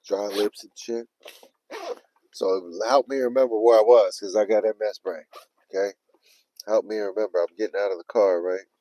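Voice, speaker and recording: A man talks casually on a livestream, recounting a mishap with lots of cursing and quoted self-talk. His voice sits low and mellow, and the sound is close and dry with no room echo. He swings between hushed retelling and lively asides to his viewers. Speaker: livestream vlogger.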